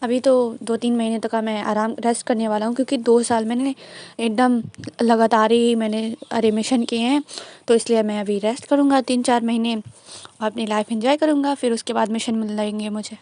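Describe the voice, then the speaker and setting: A woman voicing a calm, protective older twin brother who reassures and explains. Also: fairly high pitch, moderate pace, no echo, natural voice. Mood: explaining. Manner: soothing, reassuring.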